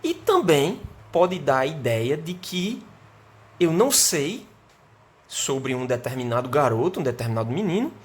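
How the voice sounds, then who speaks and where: Teaching English grammar online, this Brazilian man speaks a little high with big pitch swings and a Brazilian Portuguese accent. Patient in his explanations, he often checks with "né?" and "certo?" and slows his pace when modeling English sentences.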